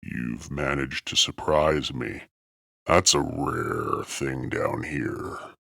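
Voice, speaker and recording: A man voicing a tall, bat-like demon with a deep, distorted alien voice, calm and sinister. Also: creaky, dry recording, clean studio sound, heavily acted. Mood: amused menace. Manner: slow, amused, menacing.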